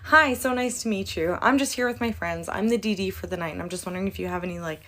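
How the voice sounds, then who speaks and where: A woman's voice: medium pitch, quick pace, a bit bright, pitched below the performer's own voice, lightly acted. A woman acting a sweet, polite young woman who is the sober driver for her friends. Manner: sweet and polite, later dazed.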